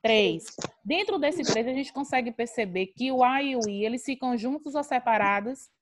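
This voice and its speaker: A woman's voice: fairly high pitch, lively intonation, normal speed, background noise. A woman teacher with a Brazilian accent, patiently explaining grammar in an online class and repeating key terms.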